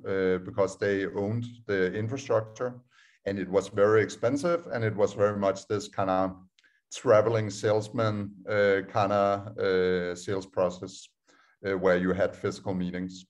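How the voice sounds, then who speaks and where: A Danish man in his thirties, a startup co-founder, gives a casual online presentation over screen share on a video call. His voice is lowish and steady, at a normal speed, and he fills his explanations with lots of filler sounds.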